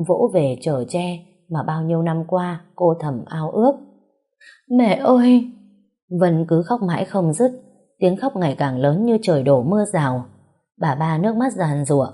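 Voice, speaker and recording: A woman narrating a family drama story in a measured, emotive way. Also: low-pitched, warm tone, husky.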